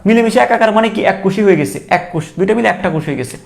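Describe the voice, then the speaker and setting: A man's voice: high voice, rapid-fire, vocal fry. A young man teaching a biology exam-prep lecture, repeating key terms and quizzing his students as he goes.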